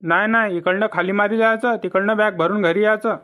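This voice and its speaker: A man's voice: high-pitched, steady tone, fairly quick, sharp tone. A man voicing a stubborn, cheeky young village son-in-law in a cartoon comedy, with a rural Vidarbha Marathi accent. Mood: bickering.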